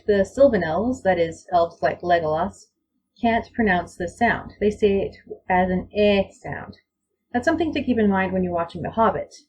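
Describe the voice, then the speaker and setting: Husky woman teaching pronunciation. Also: mid-range voice, darkish tone, muffled recording. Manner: reads out example words one by one, slow and deliberate. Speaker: language teacher. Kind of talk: slide-show lecture on pronunciation.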